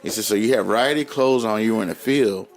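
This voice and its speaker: A man's voice: lowish voice, a little fast, faint music behind. A man in his forties with a Southern US accent, telling a long story on a podcast and acting out his sons' lines. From North Carolina, US. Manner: animated, laughing storyteller who acts out his sons' lines. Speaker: podcast co-host. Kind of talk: casual storytelling chat.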